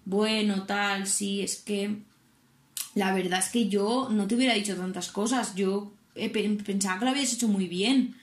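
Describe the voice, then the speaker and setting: An easygoing male driving instructor with a Spanish accent talks in a hesitant, offhand way with a teasing edge, as a young woman quotes him. The voice stays at a middle pitch, and the room is echoey. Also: fairly even intonation, normal speed, close to an everyday voice. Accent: Spain Spanish.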